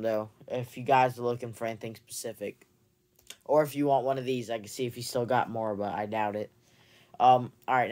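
A young man in a casual haul video, chatting and rambling with many fillers, recorded on a camera mic in a room at home. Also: medium pitch. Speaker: movie collector vlogger. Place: indoor room with shelves of movies. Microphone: camera mic, seated facing camera.

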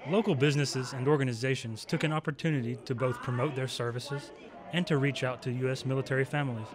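A man's voice: medium pitch, steady tone, fast. A man reading scripted news narration as a reporter. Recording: crowd noise behind narration. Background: crowd chatter.

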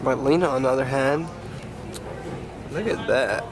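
A man's voice: medium pitch, moderate pace, background noise. A young man from California chatting casually in a travel vlog, laid-back and joking, filmed on a handheld camera. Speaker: vlogger's partner. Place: outdoors in snow and indoors in a restaurant and subway.

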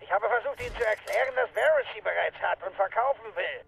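Exasperated, fast gravelly miner. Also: male voice, sits high, lively intonation, fairly bright tone, soft background music, heavily acted. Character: exasperated male miner complaining about fools. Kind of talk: video game character acting. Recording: distant voice with game sound.

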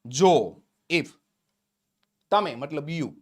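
A man with a Gujarati accent leads a live-streamed spoken English lesson, his voice sitting a little high. He is upbeat and encouraging, slowing right down to draw out each English phrase as he dictates it. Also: expressive. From Gujarat, India.

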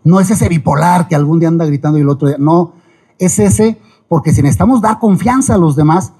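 A middle-aged man with a Mexican accent giving a lively, folksy talk on ethics, full of quick asides and jokes. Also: on the high side, breathy edge. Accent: Mexican Spanish. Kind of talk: lecture-style public talk.

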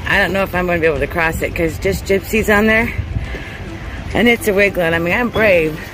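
A woman's voice: fairly low pitch, brisk, music in the background, low-quality recording. A woman in her fifties, a hiking vlogger, chatting casually to the camera held at arm's length outdoors, calling her viewers guys. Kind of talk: casual vlog talk to camera. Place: outdoors, on a trail and in a small town. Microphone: phone held at arm's length.

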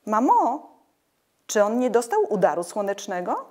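A woman voicing a lively, teasing young sister in a storybook reading, exclaiming excitedly. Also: medium pitch, a little fast, natural voice. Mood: alarmed.

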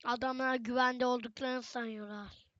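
A woman's voice: a little high, flat delivery, moderate pace, a bit bright, dry recording, lo-fi sound. A young woman giving casual, chatty gameplay commentary, often exclaiming and talking straight to her viewers. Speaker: gaming channel host.

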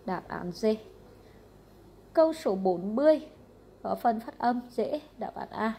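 A woman with a Vietnamese accent, an English teacher going briskly through exam answers question by question, matter-of-fact and repetitive. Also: on the high side, lively intonation, gravelly, dark tone, slight background noise.

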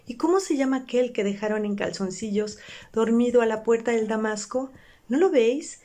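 A woman's voice: normal speed, close to an everyday voice. Scrooge, a woman reading as a giddy old miser. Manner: excited exclamations, high and loud. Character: old male miser, giddy with childhood memories.

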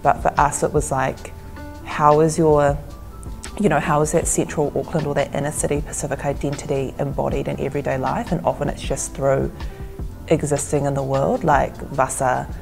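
A young woman with a low, gravelly voice speaks reflectively about her documentary work, pausing on "like" as she thinks. She sounds seated and relaxed in an interview, with soft music playing under her words. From New Zealand, Fijian and Tongan heritage. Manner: reflective, thoughtful, frequent "like". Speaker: documentary director. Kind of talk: casual interview. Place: gallery, seated indoors.

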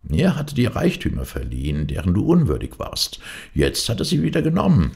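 A man's voice: fairly low pitch, wildly swooping pitch, a little fast, creaky, darkish tone, voice pushed up, exaggerated voice. A man voicing a stern, solemn dervish who is wise and unyielding, with a reproachful manner, in an audiobook fairy-tale reading. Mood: stern rebuke.

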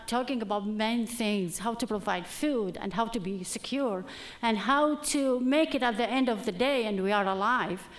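Iraqi-born woman, halting earnest questioner. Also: fairly high pitch. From Iraq. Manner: earnest, halting with many fillers and restarts. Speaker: audience member asking a question. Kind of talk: public Q&A comment.

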